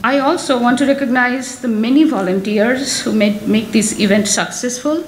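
A woman with a fairly high voice formally introduces officers and speakers at a graduation ceremony. Her voice rings in an echoey hall, with a faint murmur of the room behind her. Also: moderate pace, slight background noise. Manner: formal, announcing names and titles. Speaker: ceremony emcee.

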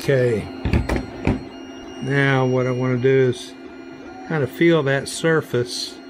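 A man walks through his work in a busy workshop, explaining each step slowly and plainly in a mid-pitched voice. The camera mic sits close to the machines, and music plays clearly behind him. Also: steady tone. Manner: slow, plain step-by-step explaining while working. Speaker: maker running a 3D print farm. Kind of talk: hands-on workshop demonstration. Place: workshop full of 3D printers.

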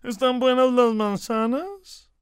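A man's voice: very high voice, slow, clean tone, no echo, voice pushed up. A man voicing a sly, hungry wolf who drags out his words and chuckles while scheming.

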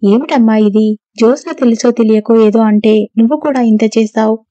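A woman voices a gentle young man soothing his mother in a coaxing way. Her voice is mellow and fairly high, with little rise and fall. The recording is dry and a bit muffled. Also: brisk, no echo, natural voice.

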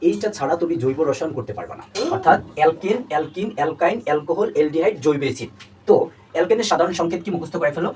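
Male chemistry tutor, rapid classroom delivery, repeats terms drill-style, slightly distant mic. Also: on the high side. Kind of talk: classroom lecture. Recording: distant mic with faint background noise.

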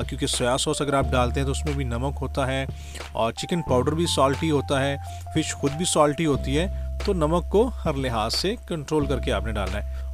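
A man, a chef hosting his own cooking show, talks viewers through a recipe step by step in a friendly voice-over. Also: medium pitch. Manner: friendly, step-by-step, keeps saying "perfect". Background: guitar music.

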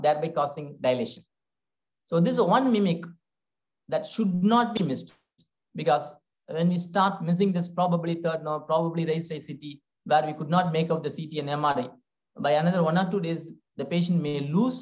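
A man with a South Indian accent giving a medical lecture as a doctor, speaking haltingly in short phrases. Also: fairly high pitch, a little mellow. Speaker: doctor presenting clinical cases. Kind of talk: medical lecture over slides. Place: indoors, online video call. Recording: noisy video call audio, clicks.

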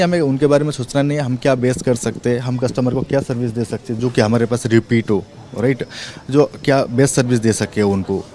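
An area sales manager in his thirties, with a mid-range voice, answers on-camera interview questions in a children's clothing store. Reporters hold handheld mics close to him. He speaks in a relaxed way, tagging many phrases with "right" and "okay."

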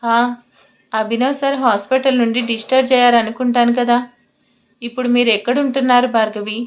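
A woman reading a gentle young man pleading. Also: a little high, level tone, a little fast, close to an everyday voice. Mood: earnest. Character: young man, caring loyal friend.

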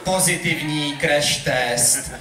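Competing in a slam on a club stage, a man recites poetry live with rhythmic, theatrical, wordplay-driven delivery. His voice sits on the high side. Club hall echo and a noisy crowd fill the background.

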